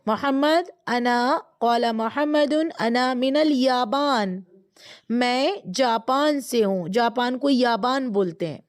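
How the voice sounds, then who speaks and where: A woman with a Pakistani accent teaching an Arabic grammar lesson, who explains in quick bursts and slows right down to recite each word. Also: a little high. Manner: explains in quick bursts, drawls slowly when reciting words.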